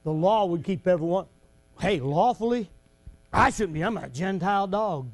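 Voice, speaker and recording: Speaking at normal speed, an expressive preacher gives a folksy sermon to a congregation. Between lines he cracks jokes and laughs, and he shouts when he reaches his peaks.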